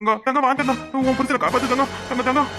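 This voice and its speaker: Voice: high-pitched, fairly even intonation, racing, music in the background, close to an everyday voice. A voice actor playing a cowardly, blustering drunk man in a cartoon, panicky and defensive. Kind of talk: cartoon voice acting.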